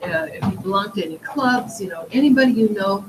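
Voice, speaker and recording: A woman's voice: mid-range voice, lively intonation, fast, a crowd in the background. A woman in her fifties, a veteran real estate agent, telling a story enthusiastically with many fillers. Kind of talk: casual storytelling in a meeting. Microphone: distant room microphone. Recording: echoey room, far from mic, noisy.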